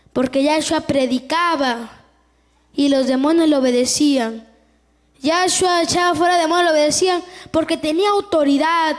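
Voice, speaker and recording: A woman preacher with a Peruvian Spanish accent, giving an emphatic, repetitive sermon in a church. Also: high voice. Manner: emphatic and repetitive, building fervor.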